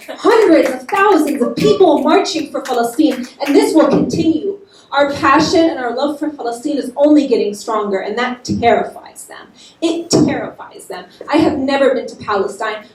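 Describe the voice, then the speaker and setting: A woman's voice: high voice, darkish tone. A woman panelist from Jordan, speaking about her life with heartfelt feeling that grows impassioned. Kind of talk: panel discussion. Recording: echoey room, distant mic.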